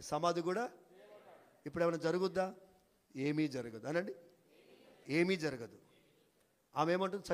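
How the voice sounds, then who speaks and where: High-voiced preaching pastor in echoing hall. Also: male voice. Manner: call-and-response preaching, swings from quiet talk to shouting. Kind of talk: Pentecostal sermon. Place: large church hall. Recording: long church hall reverb.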